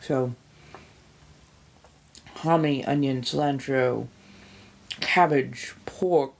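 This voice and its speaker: A livestream host munches and sips as she greets her audience with lavish, theatrical nicknames. Her voice is extremely low and creaky, and she draws her words out.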